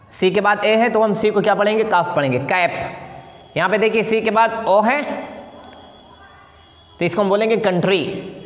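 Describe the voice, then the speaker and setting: एक पुरुष शिक्षक बोर्ड पर सबक समझाते हुए, धीरे-धीरे और हर मिसाल के शब्द को कई बार दोहराते हुए।. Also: male voice, high-pitched. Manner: slow, repeats example words several times. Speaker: English teacher. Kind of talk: classroom lesson at a board. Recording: echoey room with long reverb.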